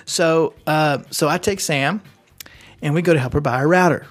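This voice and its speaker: A man with a fairly high voice speaks at a normal speed while co-hosting a podcast. In casual storytelling mode, his long anecdote wanders through asides and self-corrections, recorded on a studio microphone attached to a computer.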